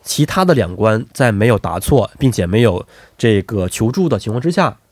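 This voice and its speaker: A man's voice: lowish voice, big pitch swings, normal speed, a little mellow, no echo, clean studio sound. A man hosting a quiz show in a chatty, teasing way, talkative and often adding tag questions.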